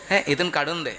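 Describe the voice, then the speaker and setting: A man's voice: fairly high pitch, heavy background noise. A man with a Marathi accent preaching a devotional kirtan, calling out questions to the audience and telling stories. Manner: animated, calls out questions to the audience. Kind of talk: devotional kirtan sermon with sung verses.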